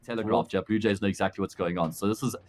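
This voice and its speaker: A man casting esports live with animated commentary and casual, joking banter. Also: lowish voice, rapid-fire, a little hiss or hum. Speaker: esports caster. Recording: game gunfire and clicks throughout. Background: video game gunfire and clicks.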